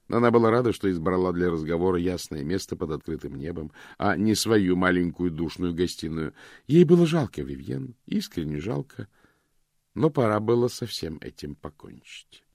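Male narrator, lowish voice, dry close recording, measured storytelling. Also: darkish tone, dry recording. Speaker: audiobook narrator. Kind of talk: scripted narration.

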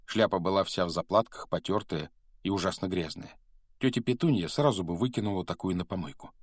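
A man narrating a fantasy audiobook in a measured storytelling way. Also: low voice, no echo, clean studio sound. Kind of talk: scripted narration.

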